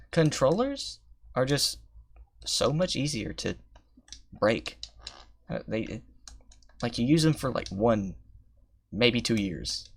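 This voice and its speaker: During a gameplay stream, a young man with a lowish, gravelly voice rambles casually to himself. He pokes fun at his own skill and thinks out loud between attempts.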